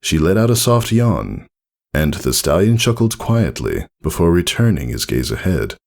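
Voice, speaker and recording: A man with a low, gravelly voice narrates fan fiction, reading in a measured, deliberate manner. Expressive rises and falls keep the storybook prose moving.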